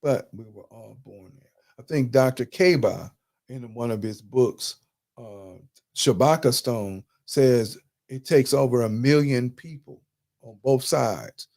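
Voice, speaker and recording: A man with hosts a live talk, walking through slides. His lecturing is loose and conversational but turns emphatic as he drives his points home. His voice sits at an everyday middle pitch. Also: takes it slowly, darkish tone. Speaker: host.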